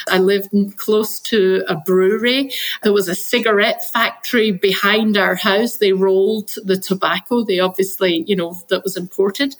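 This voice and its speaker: A woman's voice: medium pitch, a bit bright, low-quality recording. A Scottish woman from Glasgow, a chief science officer, talking through her career in a reflective interview with frequent fillers and restarts. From Scotland. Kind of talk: podcast interview.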